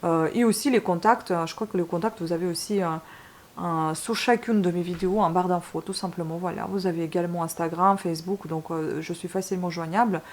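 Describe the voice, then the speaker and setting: Low-pitched, steady, brisk and slightly mellow, this woman's voice belongs to a Ukrainian book channel host talking to her viewers in French with a Ukrainian accent. She's frank, a bit fed up, and keeps restarting and using fillers in this relaxed vlog monologue.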